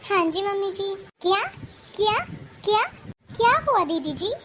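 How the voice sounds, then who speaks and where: A woman's voice: very high-pitched, measured pace, fairly bright tone, a little hiss or hum. A woman voicing a meek, polite newly married daughter-in-law in a cartoon. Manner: polite, submissive. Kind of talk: cartoon voice acting.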